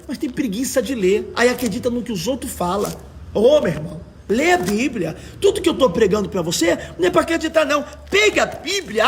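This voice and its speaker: With a hoarse, raspy and distinctly high voice, a Brazilian evangelical pastor delivers an informal livestream-style sermon. He leans on rhetorical questions and exhortations, speaking in an everyday yet insistent way.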